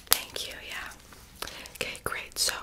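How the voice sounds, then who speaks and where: A young woman doing a whispered role-play in a breathy, unvoiced ASMR whisper with tingly mouth sounds. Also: takes it slowly. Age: young adult. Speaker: ASMR performer playing a friend doing homework and makeup on the listener. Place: small bedroom, indoors.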